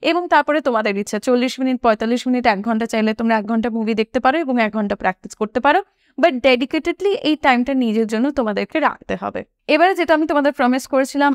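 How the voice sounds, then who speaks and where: A woman gives an online English lesson. She has a high voice, recorded close and dry. She explains each step plainly and talks straight to her viewers. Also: no echo. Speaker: English teacher. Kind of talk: video lesson in Bengali mixed with English.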